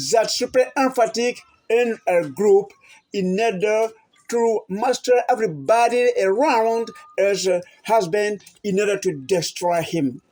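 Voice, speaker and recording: A woman, a native French speaker, hosting a health channel and talking to viewers in a halting way, often repeating and restarting words. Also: medium pitch, a little mellow. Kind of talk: informal talk to camera.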